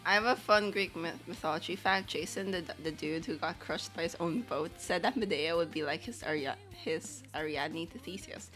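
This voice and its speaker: A woman with a lowish, fairly bright voice speaks at normal speed and hardly pauses, soft music underneath. She's livestreaming as she draws, chatting in a rambling way and reading viewer questions aloud.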